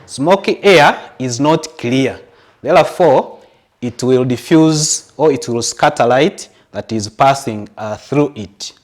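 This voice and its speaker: A man with a Ugandan English accent gives a televised science lesson at a slow, unhurried pace. His pitch sits in an ordinary middle range. He explains patiently, stacking up everyday examples. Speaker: teacher.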